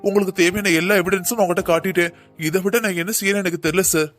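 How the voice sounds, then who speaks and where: A high, quick male voice for a man playing a cocky young cartoon policeman who argues every point. He presses his case in a hurried, insistent way over light music. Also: fairly even intonation, a bit bright. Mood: pleading. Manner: boastful, argumentative. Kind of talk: cartoon dubbing.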